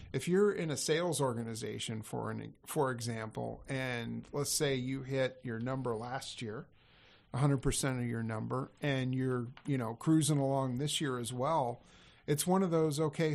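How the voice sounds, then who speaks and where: A man's voice: medium pitch, normal speed, creaky. A man talking casually on a podcast as a sales coach, rambling and correcting himself as he goes. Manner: rambling, self-correcting, laughs easily.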